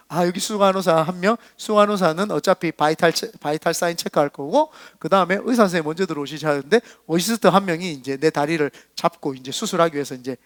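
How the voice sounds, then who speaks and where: A middle-aged man from South Korea preaching a sermon as pastor, telling a personal story and acting out the dialogue with swings in loudness. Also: fairly high pitch, dry recording. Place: church.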